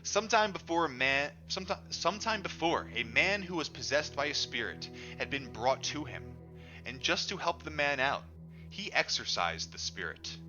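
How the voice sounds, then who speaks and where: This male audiobook reader has a fairly high, very animated voice with a bright, forceful tone, moving at a moderate pace. His dramatic first-person reading is emphatic and theatrical, lingering on stressed words. Background music plays under a dull lo-fi recording.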